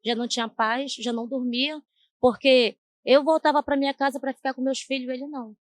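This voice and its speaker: A woman's voice: high-pitched, fairly even intonation, a little fast, no echo. A woman giving an earnest church testimony, often turning to address the pastor. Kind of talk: emotional personal testimony.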